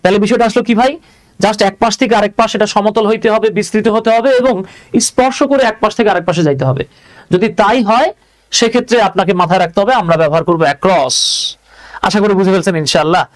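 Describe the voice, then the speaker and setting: A man teaching English in a live online lesson. His voice sits high and the words come fast and chatty, close to the mic, and he keeps checking that the viewers are following along.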